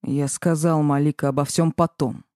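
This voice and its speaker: A woman voicing a gruff, angry male sorcerer in an audiobook, with curt, growling lines. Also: deep voice, fairly even intonation, moderate pace, a little mellow, no room sound, clean studio sound, lightly acted. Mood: snapping.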